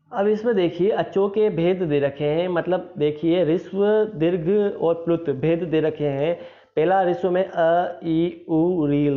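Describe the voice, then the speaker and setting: A male teacher, explaining a grammar lesson and repeating each point as a question he then answers. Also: on the high side. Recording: slightly dull, lo-fi recording.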